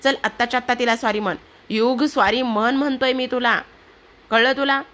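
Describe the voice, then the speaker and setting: A woman's voice: mid-range voice, fairly even intonation, brisk, a bit bright, natural voice. A woman reading out the lines of a stern, protective elder brother who scolds and gives orders, in a TV serial recap.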